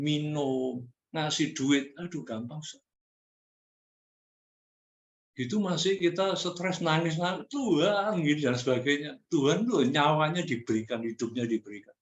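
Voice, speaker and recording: A man's voice: on the high side, normal speed, highs cut off. Man, preacher, conversational sermon, direct challenges, echoey room. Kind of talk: sermon teaching.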